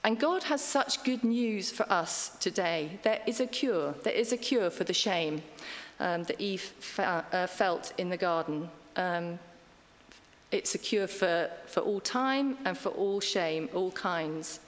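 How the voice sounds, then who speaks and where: A middle-aged woman preaches a chatty, self-deprecating sermon full of ums and asides. Her voice sits fairly low and is lively, though she speaks slowly. The church hall adds a long reverb.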